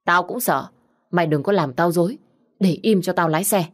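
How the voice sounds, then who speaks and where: A woman voicing a sharp-tempered young husband who snaps curt orders, in a storybook reading. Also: fairly low pitch, normal speed, close to an everyday voice. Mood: scolding. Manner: curt, scolding.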